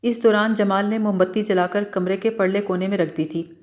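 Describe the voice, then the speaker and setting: A woman narrating a literary novel in a calm, measured audiobook reading. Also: medium pitch.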